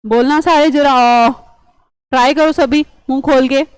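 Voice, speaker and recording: A high-pitched woman runs an online vocabulary lesson. She coaxes and chats, quizzing her students with memory tricks. The sound is dry and close, with no room around it. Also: steady tone, normal speed, a little mellow, no room sound, rough recording. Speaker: English vocabulary teacher.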